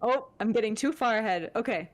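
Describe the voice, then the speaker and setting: Higher pitched lady, tabletop rpg player, casual in-game chat. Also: brisk.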